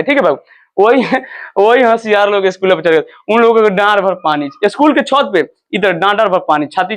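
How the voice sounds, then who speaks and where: A man with a notably high voice tells a story as a lesson. He talks in an animated way, stops often to quiz his students and acts out the characters' cries as he goes. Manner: animated, keeps checking understanding with repeated questions. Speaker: teacher.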